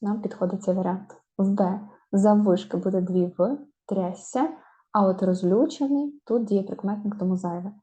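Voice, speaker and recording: A woman giving a spelling lesson, slowly drawing out each example word to stress it. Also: medium pitch, mellow. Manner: slow, drawn-out stressing of example words. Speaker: teacher. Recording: dull lo-fi sound.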